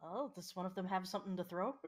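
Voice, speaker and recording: A woman playing in a tabletop role-playing game, chatty and quick to laugh. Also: fairly low pitch. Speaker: player. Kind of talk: casual tabletop play.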